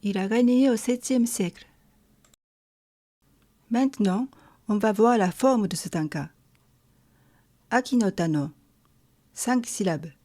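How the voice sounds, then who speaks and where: A woman teaching a lesson, explaining calmly and carefully step by step. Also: medium pitch, takes it slowly, pauses often. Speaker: language teacher. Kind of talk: slow explanatory lesson narration.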